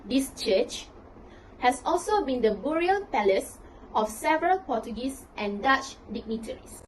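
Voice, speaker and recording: A young Malaysian woman, a student, reading a school presentation aloud in a steady, scripted way. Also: high voice, unhurried, a little hiss or hum, poor audio. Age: young adult.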